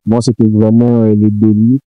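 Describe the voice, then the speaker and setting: A man's voice: fairly low pitch, completely flat delivery, normal speed, no room sound, lo-fi sound, faint music behind. A young man from Congo, a guest giving his testimony in brief, plain answers. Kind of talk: testimony interview.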